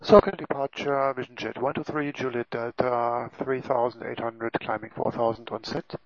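A man's voice: medium pitch, steady tone, moderate pace, no room sound. A male pilot making clipped radio calls to air traffic control through his cockpit headset. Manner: clipped aviation phraseology. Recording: muffled aviation radio.

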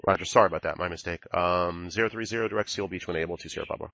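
A man's voice: sits low, rapid-fire, fairly bright tone, dry recording. A man making clipped pilot radio calls over a cockpit-style headset in a flight simulation. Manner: clipped aviation phraseology. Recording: dull, band-limited radio audio.

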